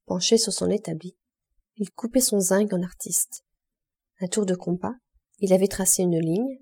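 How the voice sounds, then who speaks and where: A woman narrating a classic novel as an audiobook reader, measured and expressive in short phrases. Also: medium pitch, gravelly, husky. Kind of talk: scripted literary narration.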